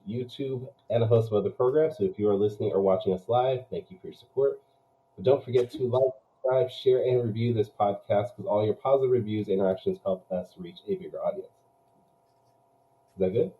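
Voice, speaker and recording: A man hosting a podcast live, chatting casually and pitching in an announcer style, heard through low-quality streaming audio. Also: narrow, tinny audio. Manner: hype-man pleading, announcer-style intro. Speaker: podcast host.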